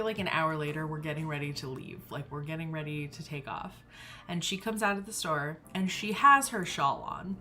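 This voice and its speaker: Hosting a knitting livestream, a young woman with a lowish, somewhat bright voice tells a family story casually and gigglingly, with plenty of filler words.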